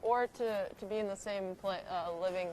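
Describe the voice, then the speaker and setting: A woman's voice: medium pitch, steady tone, moderate pace, darkish tone, a little hiss or hum. A young woman streamer chatting casually with viewers as she walks along, upbeat and addressing her audience. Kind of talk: casual live-stream chat.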